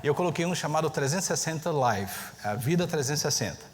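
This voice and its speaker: A man preaching a sermon as pastor, telling a story with lively pacing and acting out the people he quotes. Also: on the high side, fast. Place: church sanctuary. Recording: long church reverb, faint ambient noise.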